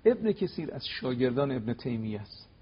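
A man giving an animated religious talk on television, telling stories and acting out quoted exchanges with emphasis. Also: lo-fi sound, slight background noise. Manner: emphatic, acts out quoted dialogue with rising pitch. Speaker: cleric guest on religious TV talk. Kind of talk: animated religious lecture with storytelling.

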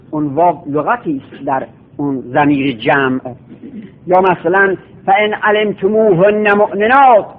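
Man, high-pitched, lecturing teacher, repetitive drilled explanations, phone-line audio. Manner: explains by repeating word forms in drilled lists. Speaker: teacher of Quranic recitation and Arabic grammar. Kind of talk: classroom lecture.

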